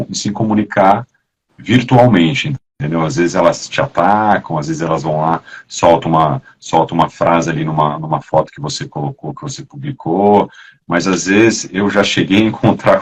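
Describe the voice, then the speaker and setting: A man talks as a guest in a relaxed, chatty way, often dropping casual fillers. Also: deep voice, breathy edge, rough recording. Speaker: guest actor. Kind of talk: casual conversation.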